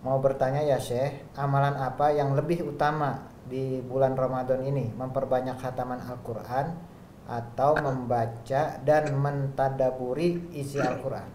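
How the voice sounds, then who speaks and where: A man hosting a live Q&A session, reading out viewer questions slowly. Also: little pitch movement, warm tone. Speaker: host and moderator. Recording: echoey room with faint rumble.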